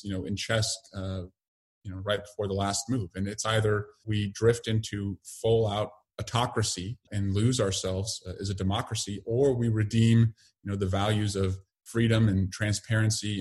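A middle-aged man giving interview answers in a halting way, full of fillers and restarts. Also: on the low side. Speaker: interview guest, congressman.

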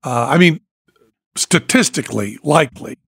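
Male podcast co-host, inquisitive, gravelly and husky tone, dry close sound. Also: on the high side, lively intonation, normal speed, fairly bright tone, no room sound. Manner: curious, asks many questions. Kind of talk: casual chat.

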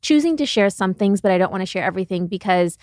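A woman's voice: mid-range voice, lively intonation, fast, a little mellow, dry recording, studio quality. A woman hosting her own podcast, introducing a guest and asking long, upbeat questions. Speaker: podcast host. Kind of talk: interview hosting.

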